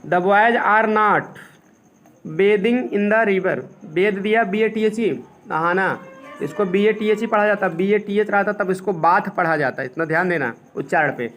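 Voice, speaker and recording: A male English teacher explaining grammar step by step, asking the class questions and dictating English sentences slowly. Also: sits high, fairly bright tone, soft background music. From India. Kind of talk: classroom lesson.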